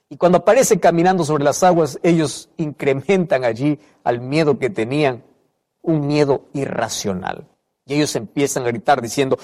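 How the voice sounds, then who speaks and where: A man's voice: medium pitch, a little mellow. A man preaching a sermon, emphatic, repeating key phrases and putting questions to the listener. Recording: reverberant hall.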